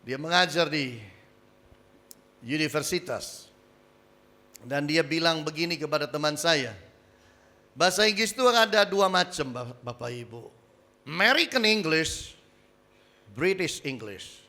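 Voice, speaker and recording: Lively, bright-voiced male preacher. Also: fairly high pitch, a little slow, pauses often. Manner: lively preacher, swings from loud emphasis to quiet asides. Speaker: pastor. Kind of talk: sermon. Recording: church hall with reverb.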